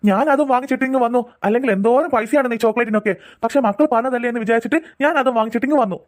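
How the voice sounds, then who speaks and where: Woman voicing a pleading cartoon father, rather high voice, talks fast. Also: a little mellow, close to an everyday voice. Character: soft pleading father, flustered and apologetic. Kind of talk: cartoon voice acting.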